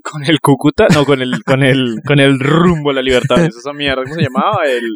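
A man's voice: medium pitch, steady tone, fairly quick, a crowd in the background. A Colombian man from Neiva, co-hosting a podcast in casual, joking, slangy chat on a phone mic. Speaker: podcast co-host.

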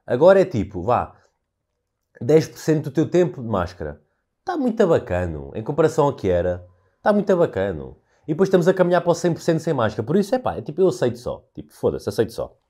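A young man with a European Portuguese accent talks alone into his podcast mic, spinning everyday stories into an animated rant full of casual swearing. His voice is mellow and warm, sitting at an ordinary pitch. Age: young adult. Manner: animated storyteller, ranting, swears freely. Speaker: podcast host. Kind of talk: casual solo podcast monologue.

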